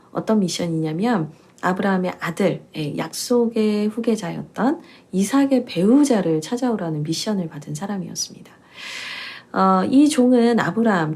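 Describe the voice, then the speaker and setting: A woman's voice: lowish voice, mellow, husky. A woman pastor giving a chatty, playful Bible teaching talk, asking her listeners questions along the way.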